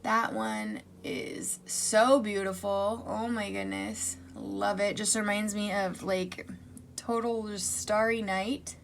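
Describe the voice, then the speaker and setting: A woman's voice: mid-range voice, steady tone, slow pace, vocal fry, slight background noise. A woman beauty vlogger giving a chatty makeup tutorial in a gushing, bubbly way with casual asides.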